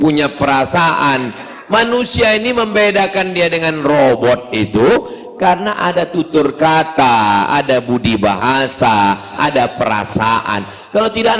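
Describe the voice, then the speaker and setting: A fairly high-voiced man preaches a humorous sermon, animated and full of jokes. He leaps up for exclamations and drops low for asides. His voice rings out with a long reverb through a large hall.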